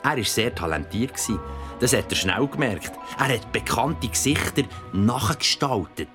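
With music underneath, a man voices a father spinning an eerie bedtime tale for his child in this audio drama storytelling. He has a Swiss German accent and a medium-pitched, expressive, lightly acted delivery at a moderate pace, staying mysterious and suspenseful, theatrical, and at times dropping to a whisper.

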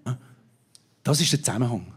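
A man performing spoken-word wordplay in rapid, chant-like tumbling word chains. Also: mid-range voice, lively intonation, breathy edge.

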